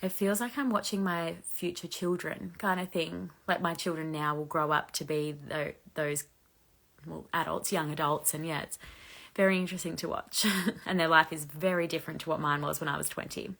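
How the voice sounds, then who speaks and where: A woman in her thirties with a low voice, hosting a casual live chat and reading out viewer questions. She rambles in a friendly way, filling her sentences with "like", and now and then lets out a small laugh. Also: steady tone, normal speed, vocal fry, fairly bright tone. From Australia. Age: 30s. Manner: chatty, frequent "like" fillers, laughs lightly. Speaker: host answering viewer questions.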